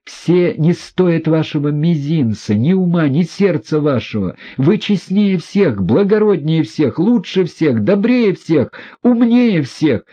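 A man's voice: fairly high pitch, sing-song, slow pace, few pauses, dark tone, slightly rough, pitched above the performer's own voice, exaggerated voice. A man voicing an indignant, hysterical proud young woman who flings accusing outbursts.

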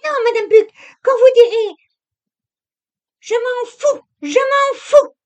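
A woman reading an audiobook, voicing a sharp-tongued young wife who shouts in a high, strained voice. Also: animated, slow, heavily acted. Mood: furious.

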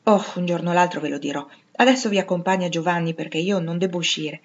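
A woman voicing a shy, polite teenage boy who speaks quietly. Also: lowish voice, fast talker, muffled recording.

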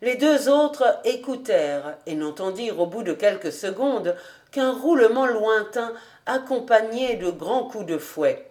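Slow, measured French woman reading aloud. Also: fairly high pitch, expressive, darkish tone. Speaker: audiobook reader. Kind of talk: audiobook narration of a classic novel.

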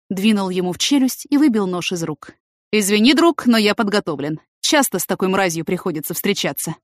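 A woman's voice: medium pitch, darkish tone, dry recording, studio quality. A woman narrating a novel as an audiobook, reading steadily and evenly.

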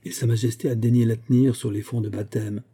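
A man giving steady scripted narration of a novel as an audiobook reader. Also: mid-range voice, a little fast, husky. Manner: steady literary reading.

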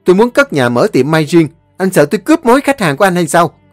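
A man's voice: sits high, big pitch swings, fast, dry recording, soft background music, voice pushed up. A man voicing a stubborn young man arguing back heatedly. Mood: defiant.

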